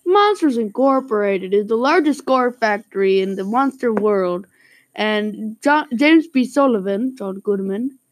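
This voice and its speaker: A woman's voice: mid-range voice, lively intonation, fairly quick, dry recording, close to an everyday voice. A woman reading a plot summary in a mock Canadian accent, hammy and giggling through her lines.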